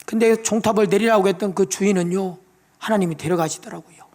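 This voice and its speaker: High gravelly-voiced male pastor preaching. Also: quick pace, darkish tone. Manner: emotional testimony, tearful pleading prayers. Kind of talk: sermon. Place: church sanctuary.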